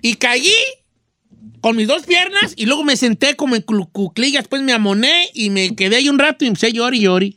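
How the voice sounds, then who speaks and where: On a call-in show, a male radio host exaggerates his voice into a folksy old rancher with a Mexican accent, telling a rambling, slang-filled rural story and offering advice. The voice is very high, expressive, fairly quick, pushed and bright, captured cleanly in a studio with no echo.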